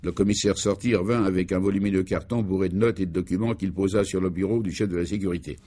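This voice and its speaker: A man giving deadpan, matter-of-fact narration for a radio serial. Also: sits low, fast talker.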